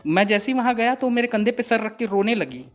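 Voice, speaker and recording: A young man telling a comic story to camera, animated and mock-dramatic. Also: very high voice, a little fast, faint music behind. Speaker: comedy video creator.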